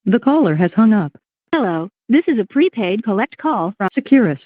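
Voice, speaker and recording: A recorded announcer voice from an automated payphone call system, reading formal prompts in a flat, scripted way. It comes through a thin, tinny phone line with almost no room sound. Its tone swings in a lively, lilting way. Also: mid-range voice, moderate pace, dry recording. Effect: automated prison payphone call prompt.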